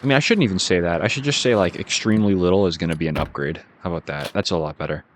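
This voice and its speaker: A man with a Boston accent giving relaxed, casual commentary as he plays a game, musing aloud and chuckling at himself. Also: low-pitched, very fast, slight background noise. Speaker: gaming channel host.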